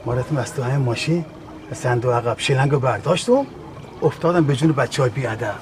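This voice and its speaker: An actor playing a taxi agency owner complaining with indignation, outdoors. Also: male voice, mid-range voice, lively intonation, noisy background, close to an everyday voice. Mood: aggrieved. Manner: aggrieved, complaining. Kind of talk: comedy series acting. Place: outdoors on a city street.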